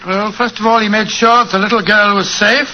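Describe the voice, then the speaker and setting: An earnest old British sidekick doctor in vintage radio drama. His voice is high, bright and blustery, heard through a noisy old broadcast recording. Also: fairly even intonation, fairly quick, dull audio. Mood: recounting. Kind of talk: 1940s radio acting.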